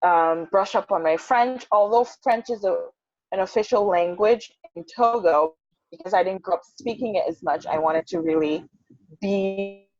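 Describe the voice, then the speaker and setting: A woman's voice: medium pitch, normal speed, darkish tone, no echo. Young woman guest on a bad, choppy video call, chatty storyteller, muffled dry sound. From United States. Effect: choppy bad video-call connection. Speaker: interview guest, English teacher. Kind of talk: casual video-call interview. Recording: dull lo-fi call audio, dry.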